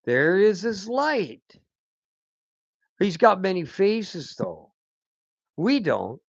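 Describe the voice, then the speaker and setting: A man's voice: high voice, sing-song, drawn-out words, no echo. A man rambling through a spiritual monologue as a channel host, often asking "hmm?" to his listeners. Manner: rambling, repeated prompts of "hmm?". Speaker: channel host, self-styled teacher. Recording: dull lo-fi dry recording.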